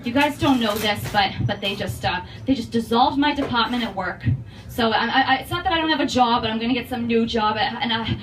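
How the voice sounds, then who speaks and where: A woman's voice: a little high, a little fast, faint music behind, natural voice. A woman putting on a blunt Boston nurse mom. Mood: frazzled. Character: blunt middle-aged nurse mother, stressed. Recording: distant mic, noisy.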